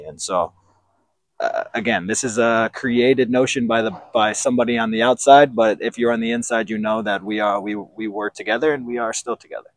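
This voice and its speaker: A man in his thirties speaks in a low voice, measured and reflective as he answers interview questions. He holds a handheld mic outdoors, and the sound is close and dry with no room echo. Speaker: professional footballer interviewee. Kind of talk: sit-down interview. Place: outdoors by sports courts. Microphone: handheld branded mic.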